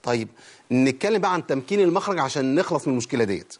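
A man's voice: medium pitch, animated, very fast. A man with an Egyptian accent teaching Quran recitation rules. He often asks a question and answers it himself, and he demonstrates the sounds as he goes. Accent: Egyptian Arabic. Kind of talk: lecture on recitation.

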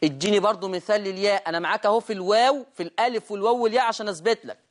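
Egyptian male tajweed teacher. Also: high-pitched. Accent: Egyptian Arabic. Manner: repeatedly asks "right?" to check understanding; slows down to chant Quran verses as examples. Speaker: Quran recitation teacher. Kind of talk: online tajweed lesson.

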